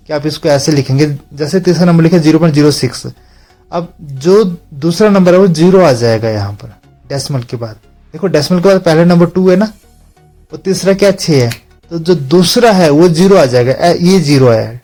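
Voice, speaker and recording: A man's voice: fairly high pitch, warm tone. A man teaching a math lesson, explaining each step and checking in with his students again and again. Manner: repeats check-in tags to students.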